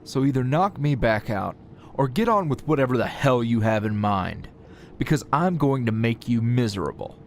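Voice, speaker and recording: In an ASMR roleplay, a man plays a defiant, sardonic captured hero and teacher who taunts his kidnapper in a drawl broken by sighs and chuckles. His mid-range voice is expressive, close to everyday speech, at normal speed, with slight background noise.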